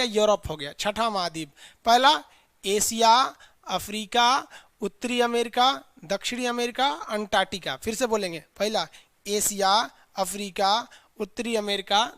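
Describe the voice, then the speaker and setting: A man's voice: very high-pitched, fairly bright tone, dry recording. A man teaching a live online class in a colloquial, chiding way, drilling his students with repeated call-and-response lists.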